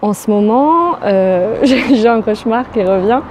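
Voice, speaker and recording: A woman's voice: on the high side, expressive, measured pace, a little mellow, a little hiss or hum. A woman actress answering interview questions in a playful, rambling way, laughing often and hesitating with fillers.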